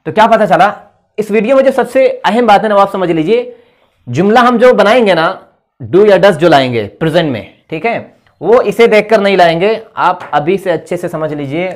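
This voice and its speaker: A man talks through an English grammar lesson, his voice sitting a little high. He explains patiently, repeating key points and checking in often with his students. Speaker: English teacher.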